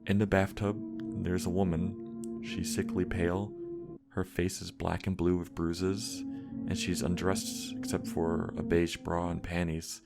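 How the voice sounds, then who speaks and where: A man reads a scripted horror story in a measured, steady way. His voice is deep and gravelly with plenty of fry. Music plays beneath the narration throughout. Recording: music playing underneath.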